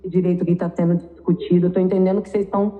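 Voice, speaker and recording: A woman's voice: on the low side, little pitch movement, very fast. A woman council member joining a meeting remotely, her audio choppy and breaking up on the call, asking plainly to be brought up to speed. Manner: direct, asks plainly for clarification. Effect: choppy, breaking-up online call audio. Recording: thin phone-like call line with reverb.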